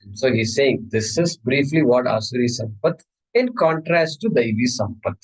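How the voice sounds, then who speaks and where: A man's voice: mid-range voice, animated, moderate pace, rough recording. A man with an Indian accent gives an explanatory scripture lecture as a teacher, repeating key words and checking in with his listeners. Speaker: teacher of a Sanskrit scripture class.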